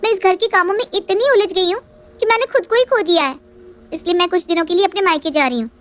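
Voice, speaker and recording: A woman's voice: very high voice, quick pace, voice pushed up. A woman voicing a tired, upset young wife who pleads and complains in a storybook reading. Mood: pleading.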